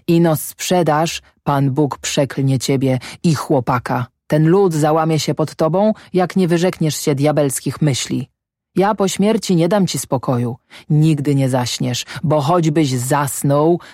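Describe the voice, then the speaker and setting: A woman's voice: low voice, measured pace, darkish tone, dry recording, studio quality. A narrator voicing a desperate peasant wife in a storybook reading, cursing her husband in a feverish rage. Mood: furious. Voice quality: cursing, pleading, feverish intensity.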